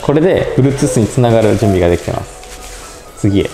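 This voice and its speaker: This young man, who presents a robot pet channel, speaks at a moderate pace in a fairly low, animated voice. He casually works through a phone app step by step, narrating each move politely and thinking out loud. Faint music sounds in the echoey indoor room.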